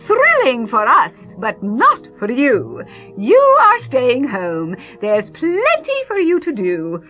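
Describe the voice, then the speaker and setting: A woman's voice: on the high side, fairly bright tone, muffled recording, exaggerated voice. A woman voicing a bossy, scornful middle-aged stepmother who drawls and mocks theatrically. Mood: mocking. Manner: slow, drawn-out, mocking, grandly theatrical.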